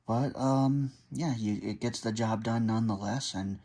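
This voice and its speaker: Taking his time, a low-voiced man walks through setting up a gadget in an informal, off-the-cuff way. He reads out the items one by one and adds quick comments as he goes, much like a hobbyist vlogger narrating an unboxing.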